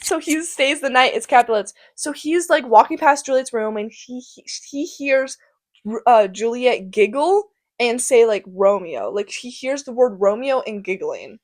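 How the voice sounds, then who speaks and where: A woman's voice: fairly high pitch, animated, normal speed. A teenage girl narrating a school drama project, chatty and giggly with lots of fillers. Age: teens. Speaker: student narrator.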